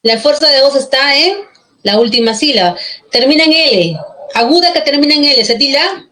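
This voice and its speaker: A woman's voice: high-pitched, expressive, moderate pace, pushed and bright, low-quality recording. A woman teaching an online class, patient and checking often that students follow, with a Peruvian Spanish accent.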